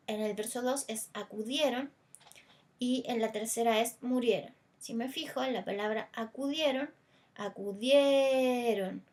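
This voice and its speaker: In a recorded language lesson, a Chilean teacher explains the material in a fairly high voice. She stretches stressed vowels to demonstrate them and talks things through with little fillers.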